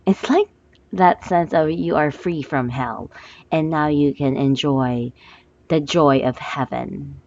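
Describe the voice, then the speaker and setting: A hoarse woman reads a monthly love forecast from tarot cards in a low, slow voice. She speaks gently and hesitantly, with many pauses and fillers. The recording sounds somewhat dull and lo-fi. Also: a little hiss or hum. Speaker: tarot reader.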